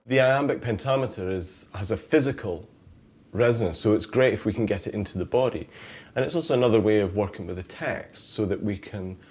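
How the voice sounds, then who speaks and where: Man, lowish voice, relaxed, explanatory. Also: a little fast, slightly rough. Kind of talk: interview talk.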